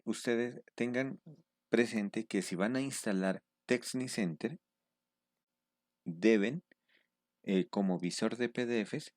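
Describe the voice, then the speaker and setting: Deep-voiced patient male instructor. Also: a little mellow, no echo, studio quality. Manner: patient step-by-step explaining, checking in with a questioning "mm". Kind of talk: screen-recorded tutorial.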